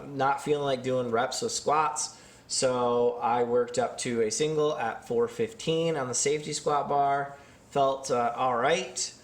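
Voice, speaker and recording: A man in his thirties talking casually about his training and commenting on workout footage, rambling and self-deprecating, with many fillers and restarts. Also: medium pitch. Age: 30s. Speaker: vlogger and strength athlete.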